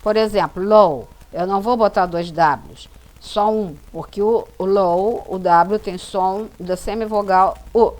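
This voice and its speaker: A woman's voice: medium pitch, takes it slowly, a little mellow. A woman teaching English grammar to students, explaining each rule step by step, spelling out letters and repeating every example sentence. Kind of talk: slow classroom explanation.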